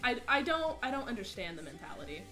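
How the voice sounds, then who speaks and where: Young woman, casual stream chat, animated storyteller, bright and high voice, faint music behind. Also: fast talker. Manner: animated, acts out quotes in mocking voices.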